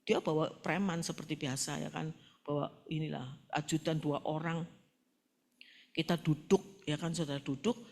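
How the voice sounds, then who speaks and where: A woman's voice: sits low, moderate pace, gravelly. A middle-aged woman pastor preaching a sermon, telling stories with quoted dialogue in a colloquial style and often addressing the congregation directly. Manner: animated storytelling with quoted dialogue.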